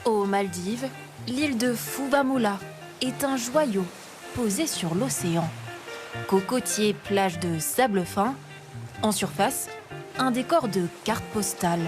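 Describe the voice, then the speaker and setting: Slow-paced woman, nature documentary narrator. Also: mid-range voice. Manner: measured delivery with dramatic phrasing. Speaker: reporter narrating a travel report. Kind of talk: scripted nature documentary voice-over. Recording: voice-over mixed with prominent music. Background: music under the voice.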